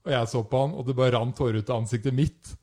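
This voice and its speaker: A man telling a travel story in casual conversation, animated and acting out the people he quotes. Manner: animated, acts out quotes with rising pitch.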